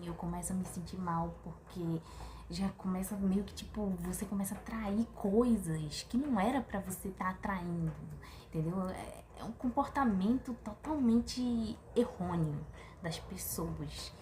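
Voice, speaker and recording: A woman giving a casual opinion monologue to camera, chatty and animated, full of rhetorical questions and exasperated sighs. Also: mid-range voice, normal speed, a little hiss or hum. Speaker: vlogger. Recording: echoey room with faint ambience.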